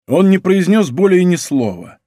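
A male audiobook narrator reads a period adventure novel at a measured, steady pace. His voice sits slightly high for a man. The studio sound is close and dry, with no room echo. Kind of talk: scripted narration. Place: recording studio.

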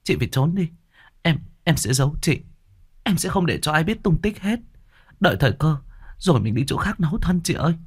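A man's voice: fairly high pitch, expressive, a little fast, husky, voice pushed up. A man voicing a desperate young woman who pleads for and grieves her sister, wailing and pleading. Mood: urgent.

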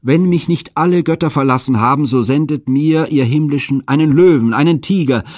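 A man's voice: on the high side, brisk, darkish tone, dry recording, clean studio sound, pitched above the performer's own voice, natural voice. A man voicing a wailing forsaken young princess. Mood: desperate. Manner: impassioned, declamatory. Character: despairing young princess, abducted and forlorn.

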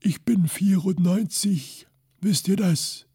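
A man reading an audiobook and voicing a frail, confused, very old great-grandfather with a croaky voice and slow, proud boasting. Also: high-pitched, mellow, dry recording, studio quality, voice pushed up, heavily acted. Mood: rambling. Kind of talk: audiobook character voice.

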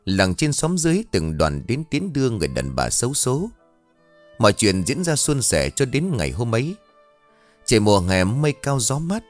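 A man narrating a ghost story in a dramatic, expressive storytelling style. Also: mid-range voice, moderate pace, soft background music.

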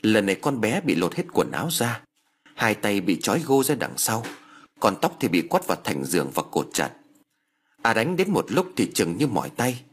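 A man's voice: fairly low pitch, breathy edge. A man narrating an audiobook story in a dramatic manner. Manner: dramatic, swings into character voices.

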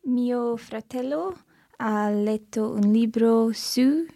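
A woman's voice: on the high side, takes it slowly, creaky, warm tone, no echo, studio quality. A woman student in a language lesson, giving careful and tentative answers.

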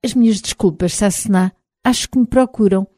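A woman's voice: medium pitch, warm tone, no echo, clean studio sound, pitched above the performer's own voice, lightly acted. A woman with a European Portuguese accent reading a wry, confident Scottish man in a storybook. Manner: wry, hurried.

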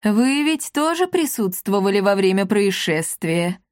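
A woman's voice: mid-range voice, sing-song, measured pace, a little mellow, no room sound, clean studio sound. A woman reading a story aloud, voicing a smug, sly male chief of gendarmes who talks down to others. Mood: condescending.

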